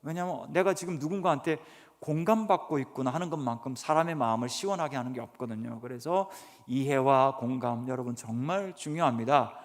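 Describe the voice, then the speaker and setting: Speaking fairly quickly at a medium pitch, a guest professor preaches an earnest sermon lecture to a congregation, regularly posing questions to them. The recording comes from a reverberant church sanctuary.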